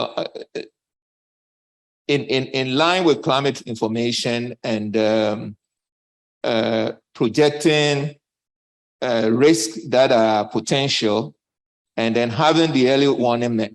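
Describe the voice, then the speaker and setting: A man speaking as a panelist at a conference, a bit out of breath, halting with many fillers. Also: medium pitch, poor audio. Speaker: panelist from a development bank.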